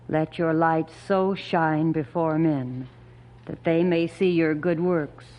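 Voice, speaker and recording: An actress playing a pious older widow in an old radio show, calm and earnest, reading scripture solemnly. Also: female voice, low voice, dull audio. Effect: old radio show broadcast. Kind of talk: 1950s radio drama acting.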